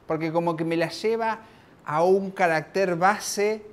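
A man with an Argentine accent giving an informal, lively technical talk at a conference, often restarting his sentences. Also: sits high, measured pace, smooth. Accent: Argentine Spanish. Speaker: conference speaker. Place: conference room.

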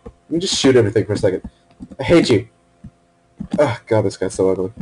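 Fairly quick and on the low side, a man's voice narrates his own video game session as he sits alone at his computer in headphones. The casual self-talk is peppered with swearing and sudden excitement, and the poor audio has a little hiss or hum.

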